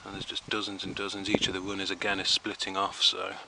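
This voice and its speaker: A man's voice: deep voice, completely flat delivery, fast, creaky. Easygoing man in his garden. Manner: chatty, rambling, easygoing. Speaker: home gardener. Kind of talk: casual garden tour narration. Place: backyard vegetable garden outdoors. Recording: outdoor noise behind the voice.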